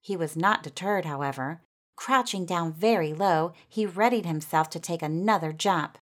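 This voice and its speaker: A woman's voice: on the low side, normal speed. Woman reading a storybook aloud. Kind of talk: storybook narration.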